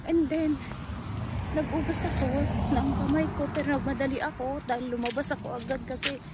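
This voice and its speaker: A middle-aged woman telling a personal story in a casual vlog, halting and hesitant with many pauses, switching languages mid-sentence. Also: high-pitched. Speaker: vlogger. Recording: steady background noise.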